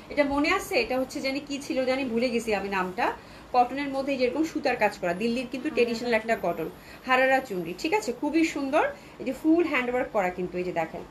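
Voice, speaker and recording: Woman from bangladesh doing a live dress sale, rattles off prices fast, bit of a sore throat, faint hiss behind. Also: sits high, poor audio. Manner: chatty, reads out viewer comments. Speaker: online clothing seller. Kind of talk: live sales stream.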